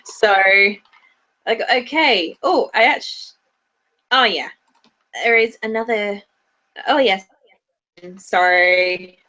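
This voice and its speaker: A woman speaking in a British-tinged Australian accent co-hosts a livestream, chatting loosely and restarting her thoughts often; she reviews anime on YouTube. She takes it slowly with frequent pauses, her medium-pitched voice bright and forceful over a rough recording.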